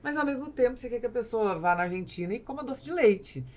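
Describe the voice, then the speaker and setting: A Brazilian-accented woman hosts a podcast from a small foam-padded studio, speaking into a boom-arm studio mic. Her voice is fairly high, animated, fast and warm. She interviews conversationally, explaining at length and building long, linked questions.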